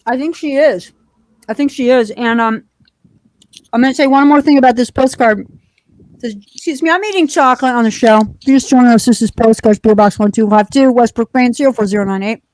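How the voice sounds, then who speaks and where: Chatty woman co-host, a bit high. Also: a little fast, a little mellow, poor audio. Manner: chatty, reads postcards aloud, laughs easily. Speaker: co-host of a live postcard show. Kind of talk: casual live-stream chat.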